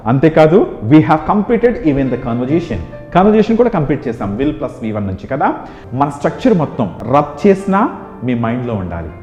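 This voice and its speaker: Animated teacher with a Telugu accent. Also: male voice, on the high side. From India. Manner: drills phrases in rapid rhythmic lists. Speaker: spoken English teacher. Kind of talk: classroom English lesson. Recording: echoey room, dull sound, music behind.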